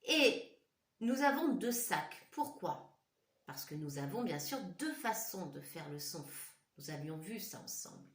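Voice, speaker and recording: A woman's voice, on the low side and very animated, teaches phonics to young children. This primary school teacher speaks slowly and clearly, repeats words syllable by syllable, and asks the kids questions directly. She's recorded on a distant mic in an echoey classroom or home room with a whiteboard.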